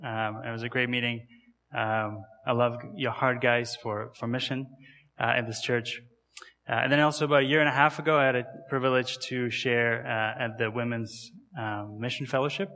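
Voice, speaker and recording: A man's voice: medium pitch, level tone, normal speed, sharp tone, long reverb tail. A man in his thirties from Kazakhstan, with an accent from there, giving a conversational guest sermon in a church and asking the audience questions. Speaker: guest missionary speaker.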